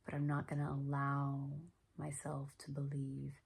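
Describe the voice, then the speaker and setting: A woman with a low, gravelly voice shares her story in an earnest, reflective monologue. Her voice is husky and often sinks into a near whisper. She speaks gently, with plenty of pauses and fillers. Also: completely flat delivery. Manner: soft-spoken, often trailing into a whisper. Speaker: podcast host.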